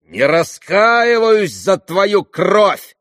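A man's voice: on the high side, expressive, a little slow, creaky, fairly bright tone, no echo, studio quality, pitched above the performer's own voice, exaggerated voice. A male reader voicing a wild, passionate young man who pants and declares fiercely. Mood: cursing.

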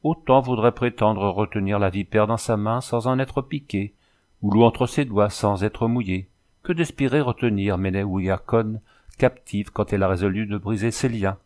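A man reading aloud, voicing a proud young native woman in a storybook who speaks calmly and solemnly, often calling herself by name. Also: lowish voice, normal speed, natural voice.

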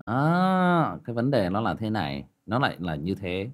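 Speaking fairly low at a moderate pace, a man tells listeners a personal story in casual talk. He acts out both sides of a conversation, his voice rising sharply when he gets excited.

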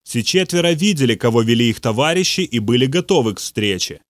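Steady male audiobook narrator. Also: mid-range voice, no room sound. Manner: measured, steady storytelling. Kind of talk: audiobook reading.

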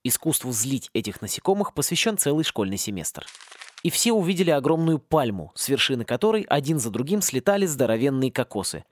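A man narrating a satirical fantasy audiobook with a lively, expressive reading. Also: medium pitch, a little fast. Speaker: audiobook reader.

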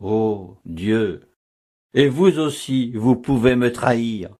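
A man's voice: medium pitch, takes it slowly, warm tone, husky. A man reading a reproachful young woman disguised as a novice in an audiobook. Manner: pleading, reproachful.

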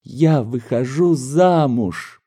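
A man voicing an excited young woman who gushes breathlessly about being newly engaged. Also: mid-range voice, very slow, breathy edge, voice pushed up. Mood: elated. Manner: gushing, breathless with joy.

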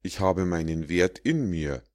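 A man's voice: low voice, animated, measured pace, darkish tone, no room sound, studio quality. A man voicing a proud, self-assured diamond speaking with smug confidence.

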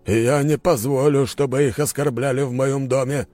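A man voicing a calm, cold and dignified male count who speaks slowly. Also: medium pitch, gravelly, no echo, faint music behind, pitched above the performer's own voice. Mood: cold stern.

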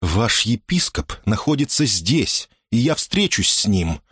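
A man's voice: on the low side, very animated, a little slow, a bit bright, slightly rough, dry recording, studio quality, exaggerated voice. A man voicing a determined mother in an audiobook, speaking curtly and firmly. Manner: curt and firm. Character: determined fierce mother, adult woman. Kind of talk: audiobook character reading.

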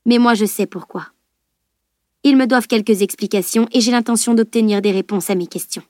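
A woman reading the voice of a spirited, bossy teenage girl in an audiobook, brisk and commanding. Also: medium pitch, a little mellow, no echo, studio quality, close to an everyday voice. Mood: determined.

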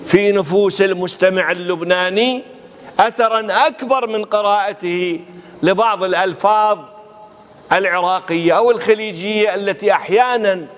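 High-voiced man lecturing in a reverberant hall. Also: fairly bright tone. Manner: emphatic, demonstrates pronunciations aloud. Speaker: instructor in religious oratory. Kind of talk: televised lecture. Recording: long hall reverb, faint background noise.

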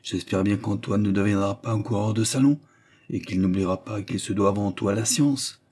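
A man's voice: lowish voice, fairly quick, darkish tone, slightly rough. A man voicing a grumpy old male scholar who grumbles with disdain in a storybook reading. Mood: disdainful.

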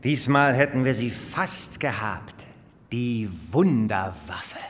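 An actor playing a dutiful, measured official reporting to a superior in an audio drama. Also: male voice, expressive. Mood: measured, sober. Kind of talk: German audio drama acting. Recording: long hall reverb, faint rumbling noise.

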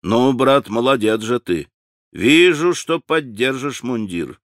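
Audiobook: a man voicing a hearty young officer, blunt and lively, dry close sound. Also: medium pitch, slow pace, no echo. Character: brash young male army officer, hearty.

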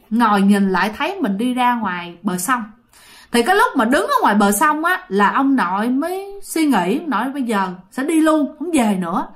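Brief: woman storyteller, high voice, chatty ghost-story narration that speaks straight to listeners. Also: a bit bright. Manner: chatty, addresses listeners directly.

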